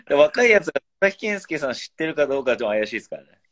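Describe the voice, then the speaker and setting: A man's voice: a little high, fairly bright tone. A man in his thirties hosting a casual live stream, reading out viewer comments and teasing his guest. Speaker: pro footballer, live-stream host.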